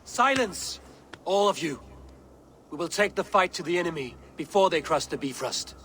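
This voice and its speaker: A man's voice: fairly high pitch, expressive, moderate pace, a bit bright, slight background noise. A man playing a resolute Norse god-king and war leader in a video game, terse and authoritative. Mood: commanding, resolute. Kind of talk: dramatic video game acting.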